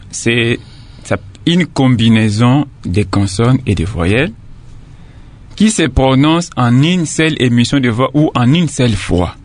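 Male teacher, unhurried and patient, breaks words into parts; middle pitch. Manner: patient, repeats and spells out syllables slowly. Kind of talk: classroom lesson explanation.

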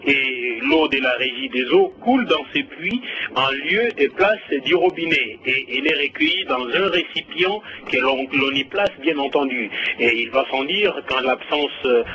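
A man's voice: medium pitch, lively intonation, unhurried, sharp tone. A man, reporting live as a radio correspondent, hesitant with many fillers and restarts. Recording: dull lo-fi radio link.

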